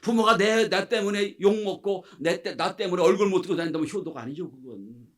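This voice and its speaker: Impassioned Korean pastor, high voice. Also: male voice, fairly quick. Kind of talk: sermon.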